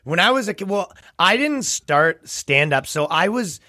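Casual male interview guest, gravelly and raspy, forceful tone, recorded dry. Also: high voice, sing-song, unhurried, no echo. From Canada. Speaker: comedian and musician, interview guest.

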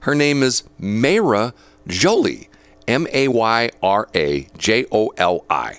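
A man's voice: on the low side, big pitch swings, slow pace, fairly bright tone, smooth. A man hosting a talk show, reading news quotes aloud with chatty, opinionated asides and laughter between points. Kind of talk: casual talk radio commentary.

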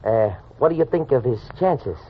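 A man's voice: medium pitch, animated, moderate pace, close to an everyday voice. Man as an eager, wheedling racetrack hustler. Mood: affable, evasive. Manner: wheedling, stilted slangy phrasing. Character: eager, shifty small-time racetrack tout. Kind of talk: old-time radio drama acting. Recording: muffled, noisy old radio recording.

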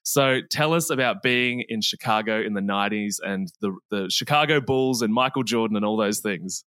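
A man hosting a health podcast, energetic and quick to laugh, introducing his guest in an upbeat way. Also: fairly low pitch, no echo. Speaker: podcast host.

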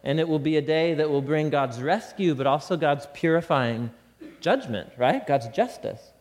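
A man teaches scripture in a relaxed, conversational way, his fairly high voice swinging up and down with energy. He keeps turning to his listeners with questions. The recording carries a long, lingering reverb. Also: normal speed. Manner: animated, talks to the audience with rhetorical questions. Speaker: Bible teacher.

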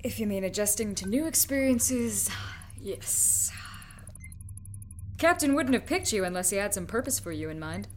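A woman's voice: mid-range voice, animated, moderate pace, a little hiss or hum, close to an everyday voice. A woman playing a dry, teasing ship's medic.

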